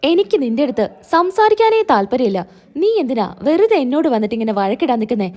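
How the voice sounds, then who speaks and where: A woman's voice: high-pitched, very animated, fast, dark tone. A woman reading the lines of a cold, dismissive young husband in a story recap, in a curt voice. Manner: curt, brushing her off.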